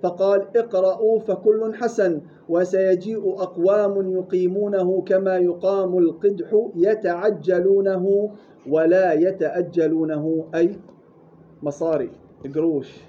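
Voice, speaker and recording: A man teaching Quran recitation rules, demonstrating words slowly and correcting mistakes curtly. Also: high-pitched, fairly even intonation. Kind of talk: tajweed lesson with drills and reading aloud. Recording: dull lo-fi recording with faint hiss.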